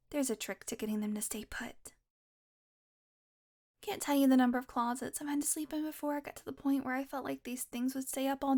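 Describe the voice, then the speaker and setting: A woman with a natural, slightly high and a little mellow voice plays a sly, sarcastic, flirtatious female vampire in an intimate audio roleplay. She teases, sometimes dropping into a murmur, and sounds wry and tired.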